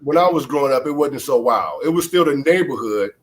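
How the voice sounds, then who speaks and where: A middle-aged former baseball player from Chicago guests on a show, his medium-pitched voice stuffy and nasal from the flu. He talks fairly quickly and expressively, staying laid-back and casual with plenty of fillers.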